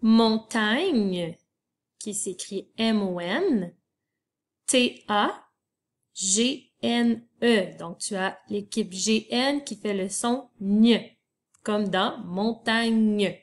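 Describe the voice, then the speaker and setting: A woman's voice: mid-range voice, lively intonation, drawn-out words. A woman teaching children a spelling lesson, patiently spelling words letter by letter.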